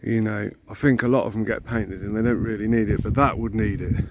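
Against a noisy background, a man with a lowish voice speaks fairly quickly and keeps his tone steady. He's walking around his vintage combine outdoors in an overgrown field, recording on a handheld phone. His casual narration rambles, with many ums and restarts.

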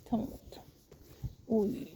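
A woman vlogging while out walking her dog, talking to it in a hushed, fussing way and to her viewers. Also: a little slow, very noisy. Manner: fussing and soothing, often hushed, then loud and pleading. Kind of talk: casual vlog narration and talking to her dog. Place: outdoors on a street.

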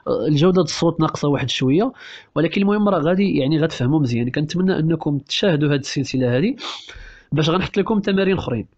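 A man with a Moroccan Arabic accent teaching a French novel for exam prep, explaining quickly and switching between languages with many restarts. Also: a little high, darkish tone, lo-fi sound.

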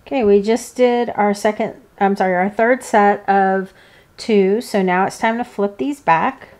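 A woman gives a hands-on tutorial at a slow pace. Her medium-pitched voice is informal and unhurried, and she leaves pauses between the steps as she instructs. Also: steady tone, a little mellow. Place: indoors, seated at a work table.

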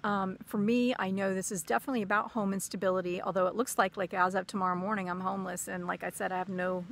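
A woman's voice: medium pitch, steady tone, quick pace, gravelly. A woman talking casually in a personal vlog, rambling with many fillers and restarts, short on sleep and running on coffee. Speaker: spiritual vlogger.

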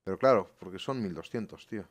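A low-voiced man talking at a quick pace commentates his bus-driving gameplay live from his home room. He's a gaming YouTuber who swears a lot and grumbles to viewers in exasperation.

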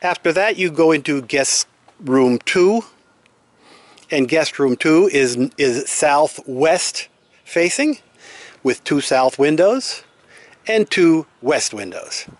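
A man with a voice on the high side gives an animated but slow-paced tour of his own house, an open timber-framed structure still under construction. Speaking outdoors into a handheld camera he holds, he explains things unscripted and matter-of-factly, with no room sound.

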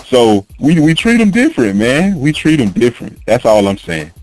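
Lively, rambling man hosting a chat. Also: mid-range voice, normal speed. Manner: rambling, emphatic, profane, laughs often. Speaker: podcast host. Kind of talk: casual podcast chat.

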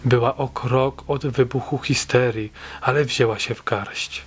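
A man reading a story aloud in a steady, measured way, as an audiobook narrator. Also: medium pitch, husky.

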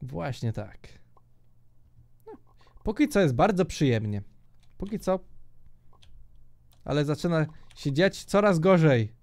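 A young man giving joking, excitable commentary while he plays a multiplayer block-building minigame, often shouting at other players. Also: a little high, takes it slowly, vocal fry, long pauses. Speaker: gaming YouTuber.

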